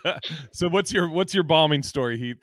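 A male podcast host with a slightly high voice banters casually and swears freely. He jokes around in a conversational way, and the recording is dry with very little room sound. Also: brisk, fairly bright tone, no echo. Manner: profane, jokey.

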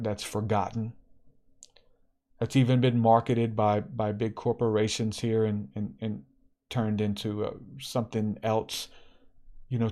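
A man's voice: lowish voice, warm tone. A man hosting a podcast, giving a spiritual encouragement talk in a preacherly, repetitive way and laughing often. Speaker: podcast host.

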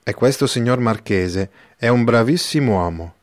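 A man's voice: mid-range voice, lively intonation, moderate pace, no echo, clean studio sound, natural voice. A man reading the part of a resolute young villager, telling news in a plain, firm, earnest way.

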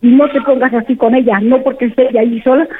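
A woman's voice: a little high, steady tone, quick pace, lightly acted. A woman playing a worried mother on the phone who fires off questions and scolds, in a radio comedy sketch. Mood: scolding. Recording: dull noisy radio phone line.

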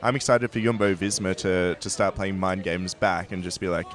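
A man's voice: low-pitched, fairly even intonation, moderate pace. A man co-hosting a casual podcast, throwing in wry quips. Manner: wry interjections. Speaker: podcast co-host.

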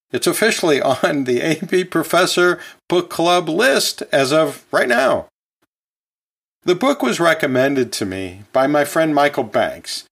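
In a fairly high, slightly bright voice with some creak, this podcast host explains things like a talkative teacher, which he is, since he teaches anatomy and physiology. His style is conversational and folksy, with frequent chuckles, casual asides, and self-corrections.

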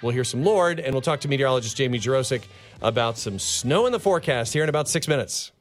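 A man's voice: medium pitch, expressive, fast talker, loud music behind the voice. An American man working as a morning show host, with casual, upbeat radio banter. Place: radio studio.

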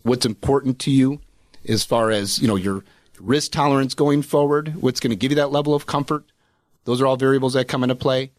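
A man's voice: medium pitch, fairly even intonation, fairly quick, no room sound, clean studio sound. A man, a financial advisor on a radio talk show, explaining retirement planning in a casual, explanatory way with many fillers.

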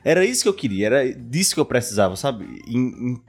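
A man's voice: mid-range voice, very animated, gravelly, breathy edge, soft background music. A man co-hosting a casual podcast, telling stories with open emotion. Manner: rapid, emotional storytelling. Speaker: podcast co-host. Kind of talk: casual political chat.

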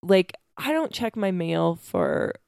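A woman in her thirties chats on a podcast in a low, gravelly voice. She rambles and giggles through her filler words and sounds tired. The close mic gives a dry sound. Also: wildly swooping pitch, slow, darkish tone, dry recording. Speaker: podcast co-host. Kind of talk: casual chat. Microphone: close studio mic.

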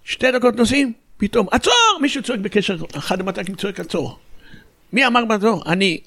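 A man's voice: high-pitched, vocal fry, a bit bright. A man in his seventies, a war veteran in an interview, vividly retelling events and voicing the radio exchanges. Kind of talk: recounting memories in an interview.

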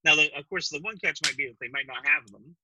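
A man co-hosting a comedy podcast, riffing in a deadpan, mock-promotional way. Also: on the high side, fast, poor audio. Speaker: podcast co-host.

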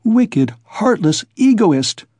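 A man's voice: high voice, big pitch swings, takes it slowly, a little mellow, no room sound, studio quality, pitched above the performer's own voice, exaggerated voice. A man voicing a fierce, indignant young woman who speaks sharply.

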